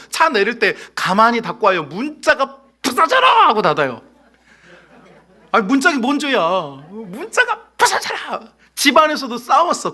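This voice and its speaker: A middle-aged man preaching a sermon as pastor, telling a story with lively acted-out voices. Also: very high-pitched. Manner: animated storytelling, acts out voices. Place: church sanctuary.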